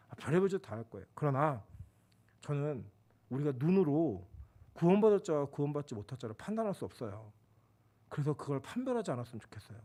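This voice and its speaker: A man preaching a sermon in a fairly high voice that rises and falls with lively swings. He moves between loud, emphatic bursts and hushed, low asides as he drives each point home. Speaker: pastor.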